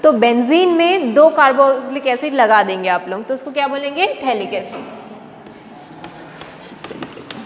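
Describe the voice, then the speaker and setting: A woman's voice: high-pitched, moderate pace, few pauses. A woman teaching a chemistry lecture, explaining step by step and asking questions she then answers herself. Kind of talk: classroom lecture. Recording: long reverb, faint background noise.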